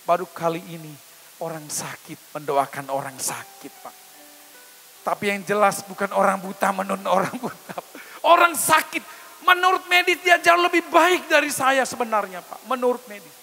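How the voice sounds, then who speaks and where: High bright-voiced male pastor preaching. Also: lively intonation, normal speed, vocal fry, faint music behind. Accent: Indonesian. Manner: emphatic testimony, repeatedly addressing listeners as "Pak". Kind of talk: sermon with sung worship.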